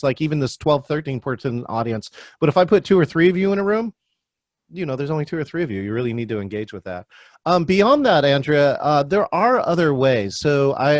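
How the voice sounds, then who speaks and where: A man with a slightly high voice runs an online workshop over a video call, warmly calling on attendees by name. He works as a virtual meeting trainer, and the studio-quality recording has no room sound.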